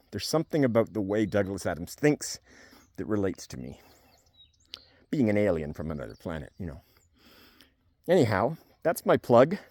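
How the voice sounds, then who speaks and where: A man with a lowish, somewhat dark voice, recorded without echo, is a video blogger reviewing a book. He talks to the camera casually and off the cuff, rambling with wry jokes, while standing on a farm among cows.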